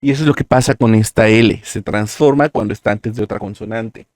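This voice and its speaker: A man teaches a live-streamed language lesson, explaining pronunciation patiently and working through examples step by step. His lowish, darkish voice moves a little fast, recorded in studio quality with no room sound.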